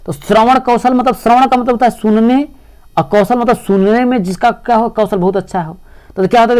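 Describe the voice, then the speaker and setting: A man's voice: high voice, a little mellow. A male teacher giving an exam-prep lecture, explaining step by step and repeating "see" often.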